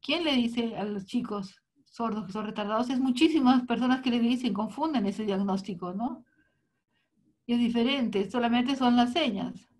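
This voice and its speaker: A woman gives a live interpretation of a talk in the first person. Her voice sits a little high. Her phrasing is halting, with frequent restarts. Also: a little mellow. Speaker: sign language interpreter.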